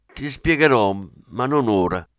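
A man's voice: mid-range voice, lively intonation, unhurried, no echo, studio quality, close to an everyday voice. A man reading the part of a mocking, demanding male forensics chief in an audiobook. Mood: firm. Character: sardonic male forensics chief, teasing colleague.

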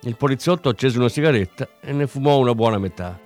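A man giving a steady audiobook narration of a crime story. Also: medium pitch, quick pace. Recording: dry studio sound with faint music.

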